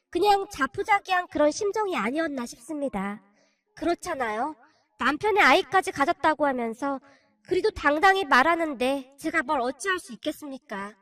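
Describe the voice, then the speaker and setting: High-voiced woman telling a story. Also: a bit bright, no room sound. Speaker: story narrator. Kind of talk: scripted first-person story narration. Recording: faint music behind.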